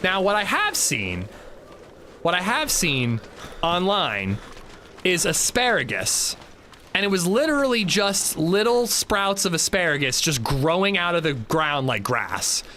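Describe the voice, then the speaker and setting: Male streamer, high-ish bright voice, chatty and self-mocking, light noise floor. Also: sing-song, unhurried. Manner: chatty, self-mocking, reads chat aloud. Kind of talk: casual gaming livestream chat.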